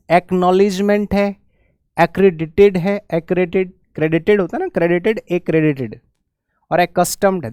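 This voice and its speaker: A man teaching an exam spelling lesson, spelling out words letter by letter and repeating them slowly. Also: high voice, a little mellow, clear, resonant tone, no echo, studio quality. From India. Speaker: English teacher.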